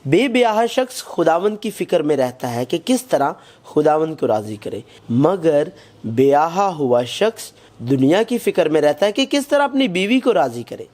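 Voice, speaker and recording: A man reading a scripted Bible lesson in a measured, even way, quoting scripture as he goes. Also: on the high side. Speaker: Bible study narrator.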